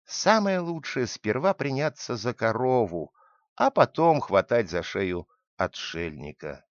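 A man reads out a cunning male thief who schemes and bluffs and then bellows for help. The voice rises and falls with lively swings. The sound is muffled and dry, with no room echo. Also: mid-range voice, unhurried. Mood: scheming. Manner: pleading then shouting for help. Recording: dull lo-fi dry recording.

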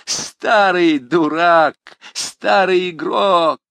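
A man voicing a rowdy young male student who shouts mocking taunts. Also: sits high, very animated, measured pace, no echo, voice pushed up, full character voice. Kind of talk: audiobook character voice.

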